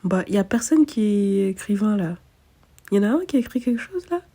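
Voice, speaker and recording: A woman's voice: medium pitch, lively intonation, fairly quick, mellow, breathy edge. A woman, an astrologer chatting casually and self-mockingly, thinking aloud with many fillers. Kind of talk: casual chat to camera.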